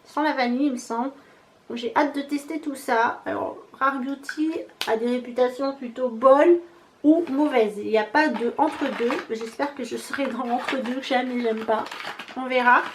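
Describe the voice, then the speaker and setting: A woman in her thirties with a high, light voice runs through a beauty haul, holding up products one after another in a relaxed, chatty way. A faint hiss sits under her voice. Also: normal speed. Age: 30s. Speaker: beauty vlogger. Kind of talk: casual haul chat.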